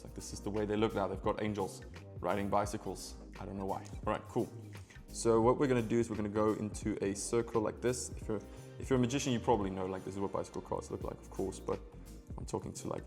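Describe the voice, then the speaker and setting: A man's voice: on the low side, vocal fry, darkish tone. A man giving a magic tutorial in casual, playful card magician patter, chatting directly to viewers.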